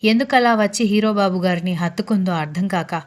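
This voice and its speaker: A woman storyteller reading a romance story aloud in a calm, even way. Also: mid-range voice, a little fast.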